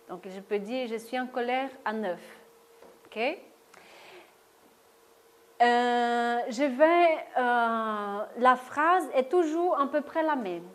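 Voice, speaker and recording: A woman leading a workshop talk, explaining a technique step by step and often checking with "d'accord?". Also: fairly high pitch. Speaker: workshop speaker on stress. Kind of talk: live talk demonstrating tapping technique. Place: lecture room with audience.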